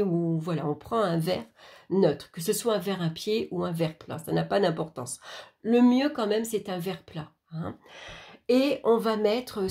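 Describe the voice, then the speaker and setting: A woman's voice: fairly low pitch, creaky, warm tone. A woman from France casually explaining an oracle card reading, hesitant and chatty, talking straight to the viewer. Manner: hesitant, many fillers and restarts, addresses viewer directly.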